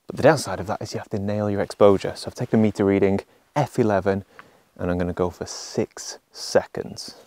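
A man in his thirties, a landscape photographer, talking a shoot through on location. His voice sits low and sounds dry and close despite the open woods, with a calm, explanatory manner. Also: brisk, dry recording. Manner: calm, explanatory, counts a long exposure in a whisper. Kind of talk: on-location vlog narration. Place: outdoors in an autumn beech forest.

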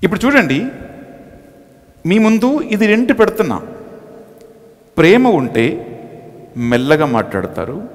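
A man, a priest, preaching a dramatic sermon, swinging between loud and soft. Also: high voice, big pitch swings, unhurried, pauses often. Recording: long hall reverb.

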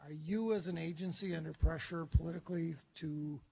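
An older man in the audience quietly asks wry questions into a handheld mic in a large museum hall. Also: a little high, fairly even intonation, fairly quick, creaky, slightly rough. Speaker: audience member asking questions. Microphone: handheld microphone.

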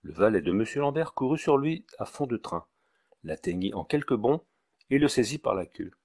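A man narrating a classic story as an audiobook reader, in a measured, expressive way. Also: medium pitch. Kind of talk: audiobook reading of a classic novel.

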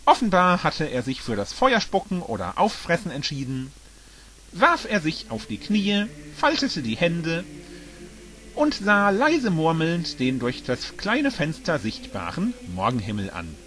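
A man narrating a fan-made audiobook with an animated, dramatic reading. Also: a little high. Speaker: audiobook reader.

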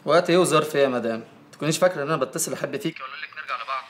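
Man doing a sarcastic egyptian ex, quick talker, slightly high voice. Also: background noise, lightly acted. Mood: mocking. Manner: mocking, sarcastic. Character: sneering Egyptian ex-husband, mocking and sly.

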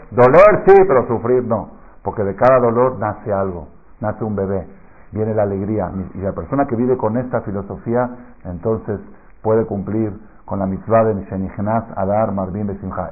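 A middle-aged man preaching a sermon as a rabbi, telling stories and swinging from hushed asides to loud, emphatic peaks. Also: on the low side. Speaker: rabbi giving a Torah talk. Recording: slightly dull lo-fi recording.

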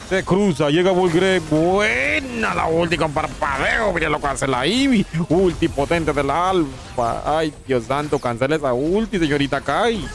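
A man's voice: fairly high pitch, animated, unhurried, few pauses, faint music behind. A man with a Panamanian accent giving live esports commentary, calling plays and teasing the chat between them. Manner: playful, teasing chat with viewers between play-by-play. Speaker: esports caster.

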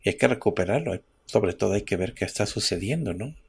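A man with a Mexican accent hosts a radio health program. His voice is deep, heavily gravelly and very husky. He dictates phone numbers and plant lists slowly, repeating each one, and asks himself questions before he answers them. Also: lively intonation. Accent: Mexican Spanish. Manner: slow and repetitive, dictating numbers and lists twice. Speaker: radio host giving herbal remedy advice. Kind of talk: radio talk, dictating formulas.

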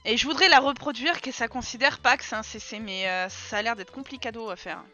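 A woman's voice: a little high, brisk, sharp tone. A young woman from France chatting casually over gameplay, teasing the characters she controls. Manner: chatty, teasing, talks to her game characters. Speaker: streamer. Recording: dull lo-fi sound with game music behind.

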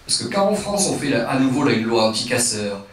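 A man speaks off the cuff at a political meeting in a very echoey room. His pitch moves widely as he makes his points into a handheld microphone, and the recording sounds a little distant. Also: sing-song, a little fast, a little hiss or hum. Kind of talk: impromptu political speech. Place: indoor meeting hall. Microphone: handheld microphone, seated.

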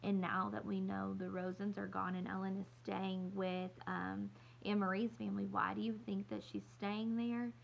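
Woman teacher, read-aloud lesson, explains as she goes, slight fry. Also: mid-range voice, flat delivery, moderate pace, slight background noise, rough recording. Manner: stops to explain words and ask for predictions. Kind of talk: reading a novel aloud to students.

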